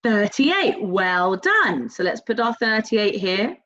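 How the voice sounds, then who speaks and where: A woman teaching a recorded primary school maths lesson, talking directly to young pupils in an encouraging, sing-song way with drawn-out key words and prompting questions. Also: mid-range voice, sing-song, fairly bright tone. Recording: dull, lo-fi sound.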